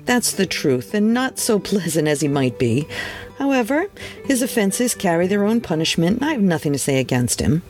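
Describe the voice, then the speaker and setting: A reader voicing Scrooge's cheerful young nephew in a storybook reading, merry and quick to laugh. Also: mid-range voice, big pitch swings, darkish tone, soft background music, voice pushed up, close to an everyday voice. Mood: jovial.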